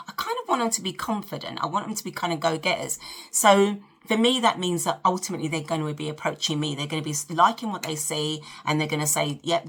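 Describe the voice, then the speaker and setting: Her fairly low voice comes out pushed and bright as she chats to her viewers. She's a South London woman in her fifties, hosting a get-ready-with-me vlog in a casual, direct style.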